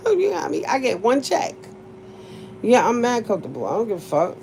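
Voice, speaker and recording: A woman's voice: a little high, huge pitch swings, moderate pace, gravelly, a little mellow, slight background noise. A woman hosting a live stream, chatting with viewers in a blunt, profane way, laughing often. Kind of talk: casual livestream chat with viewers.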